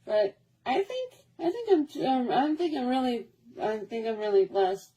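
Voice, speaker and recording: A woman's voice: on the high side, lively intonation, unhurried, dark tone, poor audio. A woman telling a childhood story in a casual, rambling way, repeating herself and restarting often. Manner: rambling, repetitive, with many restarts.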